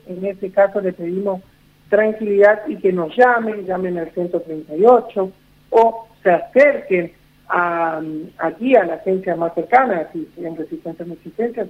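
A man's voice: high-pitched, moderate pace. A man with an Argentine Spanish accent, an executive director speaking as a guest in a radio phone interview, reassuring and repetitive with many fillers. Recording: tinny phone line.

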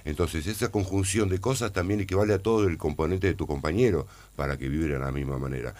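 An Argentine man, an actor in a casual interview, who speaks haltingly and often repeats words while searching for them. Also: deep voice, darkish tone. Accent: Argentine Spanish.

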